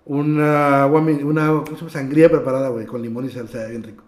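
A young man with a northern Mexican accent telling a story in casual, slang-heavy chat, often trailing off quietly at the ends of lines. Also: medium pitch, fairly even intonation, fast talker. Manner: slangy, drops "güey" constantly, trails off quietly. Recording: echoey room.

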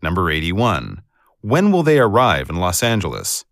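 A man reading scripted exam questions as a test narrator, formal and clearly enunciated. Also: sits low, wildly swooping pitch, normal speed, a bit bright, dry recording, clean studio sound.

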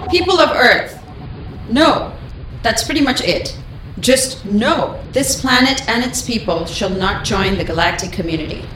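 A man's voice: sits high, expressive, a little slow. A man voicing a disappointed alien lizard emissary who makes formal proclamations that slip into casual slang, heard as a distant broadcast. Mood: solemn. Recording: echoey, distant broadcast with loud background noise.

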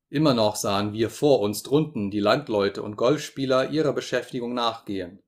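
Man, audiobook narrator, measured dramatic reading, mid-range voice. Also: mid-range voice. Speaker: audiobook reader.

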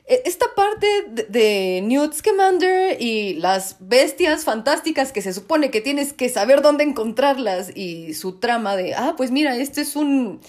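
A young woman with a Mexican accent ranting casually as a podcast host, swearing freely and swinging between indignant outbursts and low muttered asides. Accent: Mexican Spanish.

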